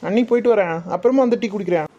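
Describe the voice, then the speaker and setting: Here is a cheeky younger brother from a cartoon, as a voice actor plays him. He fires off his wisecracks at a fast clip. The recording sounds dull and lo-fi. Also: sits high, background noise, natural voice. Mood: teasing. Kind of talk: cartoon voice acting.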